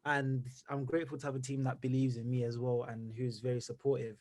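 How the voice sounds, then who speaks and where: A young man from Zimbabwe, a musician who is a guest in an interview. He talks energetically and rambles, stringing thoughts together with plenty of fillers. His voice sits at an ordinary middle pitch. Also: little pitch movement, fairly quick, a little mellow. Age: young adult. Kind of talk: casual interview answers.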